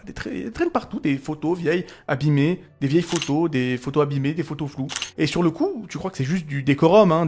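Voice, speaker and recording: A man hosting a casual video game analysis, enthusiastic and chatty, speaking straight to his viewers. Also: on the high side. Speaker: video essay host.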